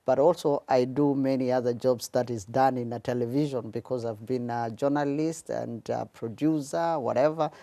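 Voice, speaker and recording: A man speaks with a dark, gravelly voice in a dry, close sound. He answers at a measured pace, pausing often on "uh" as he gathers his thoughts. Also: medium pitch, dry recording. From Tanzania. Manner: measured, with frequent hesitations. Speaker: guest, public relations officer. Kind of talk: conversational interview answers.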